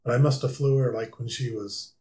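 A man answering as a guest in a relaxed podcast conversation. His voice sits at an ordinary middle pitch. He pauses and restarts often while he thinks back. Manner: halting, many restarts and fillers. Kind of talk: casual interview chat.

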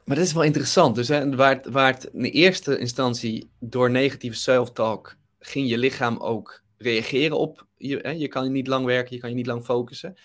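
A man's voice: medium pitch, fairly even intonation, normal speed, hardly any pauses. A man hosting an interview, asking questions and reflectively summing up what his guest says. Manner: reflective, sums up the guest's points. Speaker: host.

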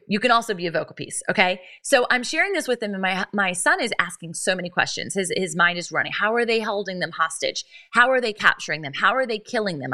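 A woman in her thirties hosts a faith podcast, her voice fairly low and sharp. She tells a story earnestly and with great animation, restarting sentences along the way, heard through a podcast microphone on a live stream.

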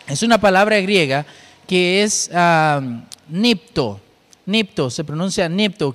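A man's voice: high voice, long reverb tail. A man preaching a sermon, explaining scripture and asking his listeners rhetorical questions.

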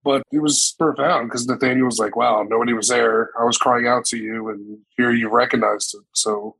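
A man on a podcast panel who speaks in a wry, joking way with frequent hesitations. His voice is slightly husky and mid-pitched. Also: fairly even intonation, normal speed, a bit bright, poor audio. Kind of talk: casual roundtable discussion.

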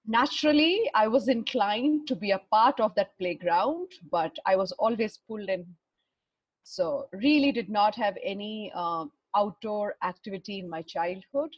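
A middle-aged woman from Bihar with an educated Indian accent, telling her life story in a halting, reflective way, searching for words. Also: medium pitch, no echo, muffled recording. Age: 40s or older. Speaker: interview guest, runner and fitness trainer. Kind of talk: personal life story in conversation.

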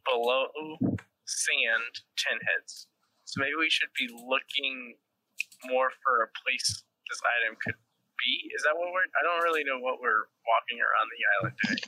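Very bright, forceful man's voice. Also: mid-range voice, normal speed, dry recording, rough recording. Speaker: tabletop game player. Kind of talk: casual chat.

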